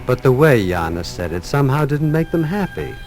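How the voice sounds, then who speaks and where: A man narrating a children's story in a measured storytelling manner. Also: mid-range voice, big pitch swings. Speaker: narrator and teacher. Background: music.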